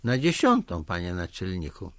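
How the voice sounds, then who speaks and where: A man's voice: deep voice, huge pitch swings, normal speed, a bit bright, no echo, voice pushed down, full character voice. A man voicing a timid, hard-drinking male village head who answers meekly and apologizes, in a storybook reading. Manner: meek and apologetic.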